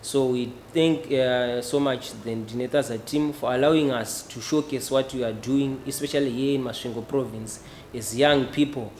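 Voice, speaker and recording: A man's voice: mid-range voice, fairly even intonation, normal speed, darkish tone, slight background noise. A man of 28 with a Zimbabwean English accent, an entrepreneur speaking earnestly in an interview. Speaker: contestant entrepreneur. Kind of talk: on-camera interview. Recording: echoey room with faint ambience.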